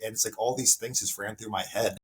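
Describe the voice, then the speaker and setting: A man's voice: on the low side, fairly even intonation, a little fast, a bit bright, a little hiss or hum, rough recording. A man hosting a casual interview podcast, talking conversationally, repeating himself and using many "like" fillers. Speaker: podcast host.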